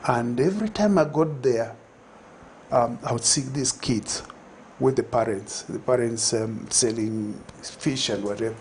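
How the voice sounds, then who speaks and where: In a conversational studio interview for TV, an older Zambian man reflects at an unhurried pace with a mid-range, darkish voice. His lapel mic picks up a little hiss or hum, and he frequently uses fillers and starts over.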